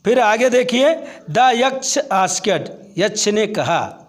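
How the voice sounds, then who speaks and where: Male teacher, high voice, unhurried word-by-word glossing for school pupils. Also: lively intonation. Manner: slow, deliberate word-by-word glossing. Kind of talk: word-by-word translation lesson.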